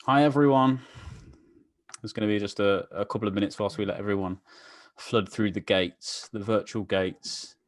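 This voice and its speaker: A man's voice: fairly low pitch, steady tone, normal speed, no room sound. A man hosting a live online meetup, chatty and full of fillers, greeting viewers by name over a video call. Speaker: webinar host. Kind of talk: casual live-stream chat.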